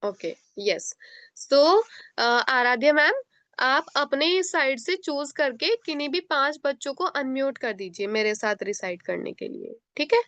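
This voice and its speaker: An Indian woman teaching a children's class over a video call, explaining slowly and patiently step by step. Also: high voice, expressive, a bit bright, dry recording. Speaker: online teacher. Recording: dull lo-fi video call audio.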